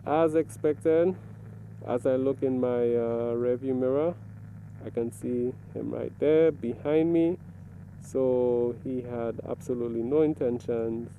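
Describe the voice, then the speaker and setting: A man giving a casual, step-by-step video commentary, explaining things deliberately and pausing mid-sentence. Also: mid-range voice, warm tone, slight background noise, low-quality recording. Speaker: motovlogger reviewing own ride footage.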